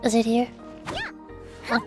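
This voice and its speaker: Speaking slowly in a warm tone, the streamer, a vtuber, mutters playfully to herself while commenting casually on her game. Faint game music plays under her voice.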